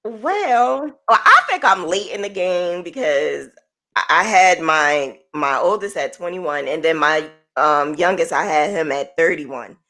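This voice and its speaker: A woman's voice: lowish voice, a little slow. A woman, chatting casually as a guest and often laughing as she tells stories. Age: 40s. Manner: laughs often, animated storytelling. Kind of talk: casual chat.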